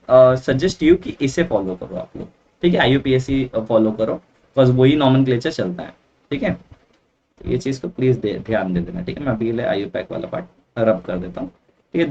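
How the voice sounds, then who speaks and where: A man with a mid-range voice teaches chemistry at a board, chatty and sprinkling in English phrases, often checking in with "okay, right?". The recording sounds dull and distant, with a little hiss or hum.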